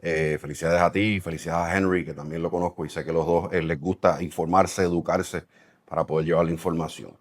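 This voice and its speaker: A low male voice with fairly even intonation, a little fast, comes across in studio quality with no room sound. It belongs to a middle-aged Puerto Rican real estate developer and company president, accented in Puerto Rican Spanish, who answers interview questions thoughtfully amid frequent fillers and restarts.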